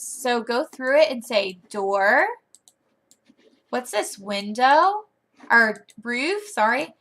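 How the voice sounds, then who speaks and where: A young woman explaining online English teaching in a chatty tutorial, often using a high, playful teacher voice. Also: bright, forceful tone. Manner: chatty, demonstrates teacher lines in a high, exaggerated sing-song. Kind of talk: casual screen-recorded tutorial.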